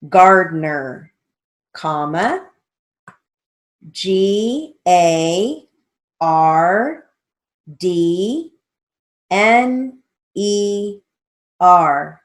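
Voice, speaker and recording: A middle-aged woman teacher dictating a lesson, spelling out letters and punctuation deliberately. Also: mid-range voice. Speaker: stenography theory teacher. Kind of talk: instructional lesson with slow dictation. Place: indoors, small room with a plain wall.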